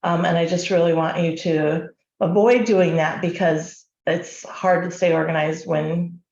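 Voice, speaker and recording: Woman instructor, lowish voice, lots of ums, echoey muffled audio. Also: a little mellow. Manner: conversational, frequent ums, rhetorical questions. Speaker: course instructor. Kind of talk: online course presentation.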